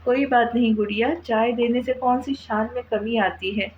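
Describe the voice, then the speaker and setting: A woman's voice: a little high, steady tone, normal speed, narrow, tinny audio, slight background noise, lightly acted. A teasing friendly man, read by a woman. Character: friendly, teasing brother-in-law.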